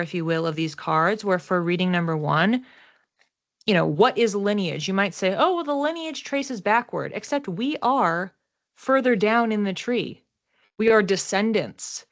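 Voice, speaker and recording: Through a muffled recording, a woman with a medium-pitched voice does a casual card reading to camera as a psychic. She explains things conversationally and reflectively to her listeners, stressing key words.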